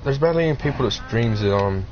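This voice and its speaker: A man's voice: mid-range voice, expressive, quick pace. A man streaming a video game, bantering and teasing his friends in casual chat. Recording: muffled lo-fi mic with faint hiss.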